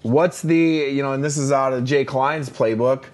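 A man's voice: mid-range voice, moderate pace. A man co-hosting a leadership podcast, talking emphatically with many fillers and "right?" tags. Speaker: podcast co-host, leadership coach. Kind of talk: casual leadership podcast chat.

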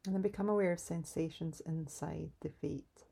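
A woman leading a calm guided grounding exercise in a soft, soothing, unhurried way, pausing between instructions. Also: sits low, creaky, husky. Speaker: meditation guide.

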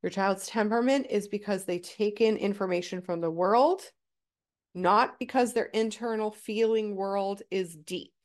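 A woman's voice: mid-range voice, measured pace. A woman hosting a parenting podcast, explaining in a casual teaching way with many "right?" check-ins, her voice stuffy and nasal from a cold.

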